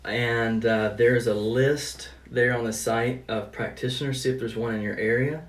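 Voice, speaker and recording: A man working as a therapist, casually explaining a treatment with halting, hesitant phrasing. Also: mid-range voice, steady tone. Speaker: cupping therapist. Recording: roomy, distant mic, noisy background.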